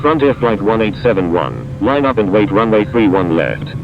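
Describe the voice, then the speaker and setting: A man with a low voice and swooping intonation gives air traffic control instructions in set, procedural phrases. The radio sound is dull, with a heavy rumble of noise. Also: big pitch swings, normal speed.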